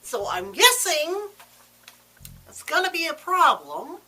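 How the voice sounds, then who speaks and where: Bright, sarcastic woman commentating a game. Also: high-pitched, very animated, slow pace. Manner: sarcastic, teasing. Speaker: let's play commentator. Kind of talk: casual let's play commentary.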